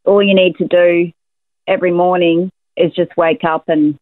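A woman's voice: lowish voice, flat delivery, moderate pace, no room sound. A woman chatting casually as a caller to a radio show over a tinny phone line.

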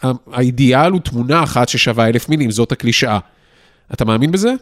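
A man's voice: mid-range voice, animated. A man hosting a casual interview, asking structured, articulate questions. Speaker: podcast host.

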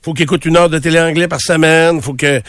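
Man, Québécois accent, radio host, chatty, fairly high pitch, dry close sound. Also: steady tone, fast, fairly bright tone, no room sound. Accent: Québécois French. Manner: chatty, many fillers and "tu sais". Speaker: radio morning show host. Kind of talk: casual studio banter.

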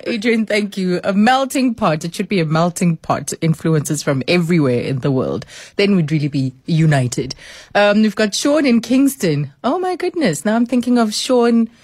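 A woman hosting a radio call-in chat, responsive and quick to laugh. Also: lowish voice, dry recording, clean studio sound. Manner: lively, responsive, laughs easily. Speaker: radio host.

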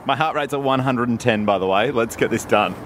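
A man's voice: medium pitch, fairly quick, background noise. A man hosting live radio, eagerly cheering on his co-host and taking calls.

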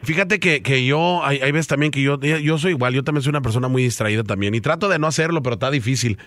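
A man's voice: mid-range voice, quick pace, a bit bright, dry recording. A man hosting a radio morning show, talkative, joking and full of slang. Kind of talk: lively radio banter. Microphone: studio mic.

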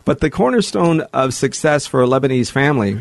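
Middle-aged male host, slightly gravelly. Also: medium pitch, animated, brisk, dry recording. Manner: warm-hearted, leading questions with small laughs. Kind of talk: radio show interview.

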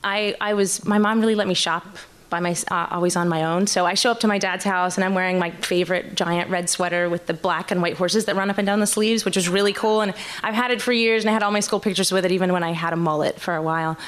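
A woman telling a personal story live on stage, nervous and halting, often restarting her sentences. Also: on the low side, fairly even intonation.

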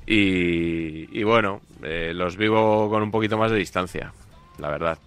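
A man's voice: sits low, a little slow, a bit bright, clear, resonant tone, faint music behind. A man, a radio sports contributor who chats with a dry, teasing manner. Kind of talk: casual radio chat.

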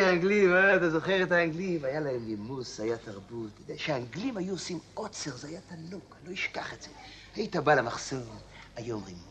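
A man's voice: fairly high pitch, creaky, a bit bright, a little hiss or hum, heavily acted. A man playing a chatty old man in a comedy sketch, grumbling and drifting off into nostalgic tangents. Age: older.

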